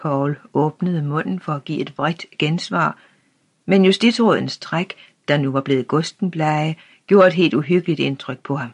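Brief: audiobook narrator, plain and even, unhurried storytelling. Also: mid-range voice, breathy edge.

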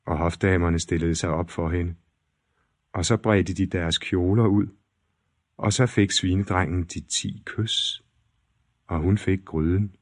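A man reading a fairy tale aloud in an expressive storytelling manner. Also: deep voice, dry recording, clean studio sound.

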